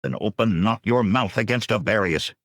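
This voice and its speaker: A man voicing a gruff one-eyed male bandit leader who barks commands. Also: lowish voice, animated, moderate pace, no room sound, studio quality, voice pushed up. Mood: commanding. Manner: commanding, barking.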